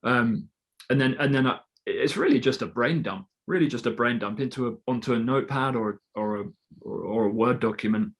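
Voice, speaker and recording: Man, mid-pitched voice, reflective, easygoing, explains his process. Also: fairly quick. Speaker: guest storyteller. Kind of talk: casual conversation.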